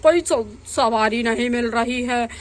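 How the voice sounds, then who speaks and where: A woman's voice: on the high side, measured pace, natural voice. A woman voicing an earnest middle-aged village father explaining family matters in a doll storybook.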